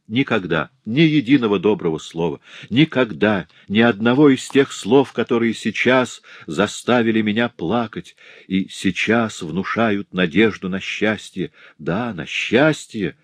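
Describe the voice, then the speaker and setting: A man's voice: on the low side, no room sound. A man reading a passionate aristocrat husband. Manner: emotional and impassioned. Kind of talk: audiobook reading.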